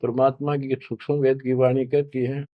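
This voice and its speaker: A man's voice: medium pitch, level tone, normal speed, dry recording. A man preaching earnestly, telling a devotional story and chanting verses. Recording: dull dry recording.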